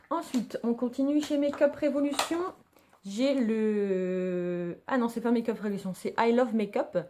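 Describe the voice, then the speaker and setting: A woman's voice: a little high, a little mellow, slight background noise. A woman chatting enthusiastically to her viewers as she reviews her favorite makeup. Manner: chatty, enthusiastic, slangy, addresses viewers as girls. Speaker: beauty vlogger. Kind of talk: casual product review.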